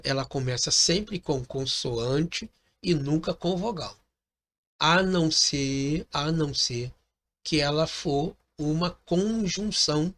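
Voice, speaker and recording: A man's voice: a little high, fairly bright tone. Man teaching, patient and repetitive. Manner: patient, repeats points, ends phrases with "tá bom?". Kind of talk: recorded lesson explaining slides.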